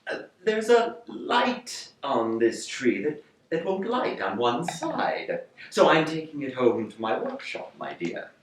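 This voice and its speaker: A man's voice: fairly high pitch, very animated, takes it slowly. A man putting on a sly, scheming Grinch, wildly swooping. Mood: falsely sweet lying. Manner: theatrical, sneaky villain delivery. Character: sly, scheming Grinch posing as Santa, male. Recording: roomy, distant home recording, faint noise.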